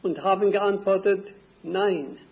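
Older guy preaching real slow, highish voice, sounds like an old tinny tape. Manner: slow, deliberate, emphatic repetition. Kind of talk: sermon. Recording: tinny phone-like old recording.

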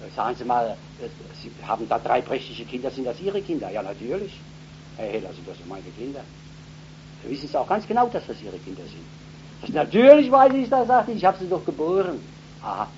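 Male revival preacher, live in front of a congregation: fervent, lively pitch, repeats phrases for force. Muffled old recording with light hum. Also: brisk. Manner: fervent, bursting into loud emphatic peaks.

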